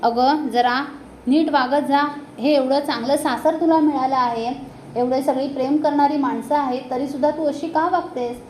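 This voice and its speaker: A woman's voice: sits high, fairly even intonation, moderate pace, a little mellow, roomy sound, a little hiss or hum, close to an everyday voice, rough recording. A woman voicing a stern middle-aged father-in-law who scolds at length. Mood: scolding.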